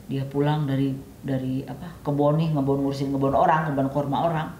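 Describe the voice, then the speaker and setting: An older woman with a Sundanese-inflected accent, a mother telling a religious story in a casual chat and acting out the voices in it. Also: a little fast. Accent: Sundanese-inflected Indonesian. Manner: animated storyteller, acts out dialogue with jumps in pitch. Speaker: mother giving religious advice. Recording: echoey room with faint rumble.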